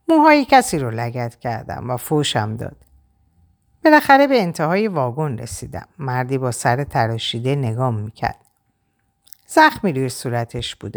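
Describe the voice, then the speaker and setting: Woman reading an audiobook, low voice but really lively, dramatic delivery. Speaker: audiobook narrator. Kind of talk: audiobook narration.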